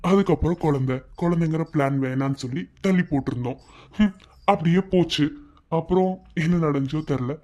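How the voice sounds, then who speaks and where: A man's voice: on the high side, dark tone, close to an everyday voice. A man voicing a patient young cartoon husband with a Madurai Tamil accent, coaxing and pleading to be heard. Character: patient young husband comforting his wife.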